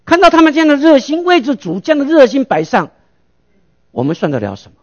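A man's voice: very high voice, wildly swooping pitch, fast talker, highs cut off. A male pastor preaching a sermon, asking rhetorical questions and answering them himself.

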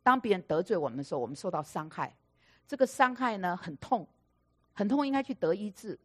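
Brisk and mid-range, a woman's voice carries a storytelling sermon. As an animated storyteller, she dramatizes the dialogue and repeats phrases to emphasize them.

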